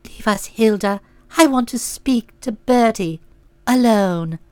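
A woman voicing a sentimental young woman who speaks in a breathy, tremulous way. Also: fairly high pitch, slow, no room sound, voice pushed down.

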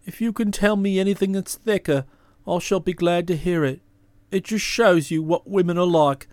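A woman's voice: lowish voice, steady tone, darkish tone, no room sound, voice pushed down, lightly acted. A woman doing a hollow-voiced gloomy young Englishman. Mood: aggrieved. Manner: hollow, halting, mournful.

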